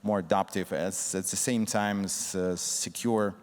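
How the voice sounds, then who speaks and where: A man's voice: low voice, steady tone, a little slow. A man on a conference panel, speaking directly and explaining things plainly. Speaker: panelist, fintech executive. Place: large conference hall. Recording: long reverb of a conference hall.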